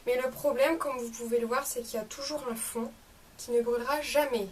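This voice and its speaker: Young woman vlogger, bright higher voice, chatty product review, mic a bit distant with faint hiss. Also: steady tone, a little fast. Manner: chatty, enthusiastic, many fillers. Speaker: beauty vlogger. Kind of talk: casual product review vlog. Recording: slightly distant mic with faint room noise.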